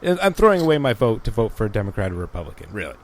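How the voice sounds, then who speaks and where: A man's voice: lowish voice, wildly swooping pitch, racing. A man on a podcast talking casually and hesitantly with many fillers, sometimes reading a text aloud. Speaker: podcast co-host.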